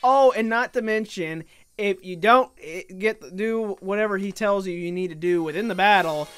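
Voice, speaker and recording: A woman's voice: mid-range voice, normal speed, clear, resonant tone, soft background music. A woman casually commenting on a video game with her co-host, playful and teasing. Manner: playful, teasing, laughs often. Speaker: let's play co-host.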